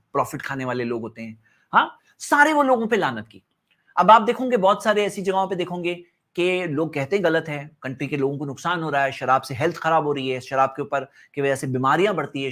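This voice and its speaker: A man giving a religious lecture, asking rhetorical questions and mixing English words into his talk. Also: high voice. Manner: swings between loud emphasis and soft asides. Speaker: Islamic lecturer.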